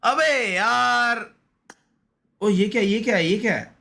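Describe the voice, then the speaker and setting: Taking it slowly, a man with an Indian accent talks to his game-stream viewers in a high, creaky voice with a sharp tone and a little hiss or hum in the audio. His casual chat is slangy and repetitive, and he often exclaims and grumbles.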